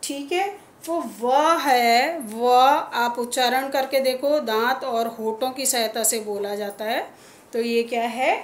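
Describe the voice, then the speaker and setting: A woman's voice: a little high, fairly even intonation, measured pace, reverberant. A woman teacher with a Hindi accent giving a classroom lesson, patiently sounding out letters one by one. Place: school classroom.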